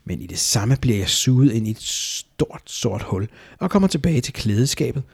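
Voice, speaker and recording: A man's voice: mid-range voice, very animated, creaky, darkish tone, breathy edge. A man co-hosting a casual podcast chat, reading a listener's story aloud and laughing often. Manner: laughs often, stammers and restarts.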